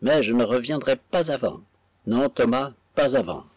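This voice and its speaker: A man's voice: medium pitch, lively intonation, normal speed, darkish tone, no echo, natural voice. A man voicing a frail, humble old man who speaks with polite deference. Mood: earnest.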